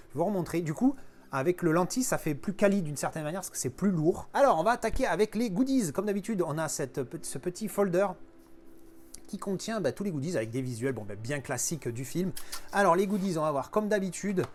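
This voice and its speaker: A man giving casual, enthusiastic commentary while he unboxes a collector's edition. He exclaims and swears often as he talks. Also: on the high side.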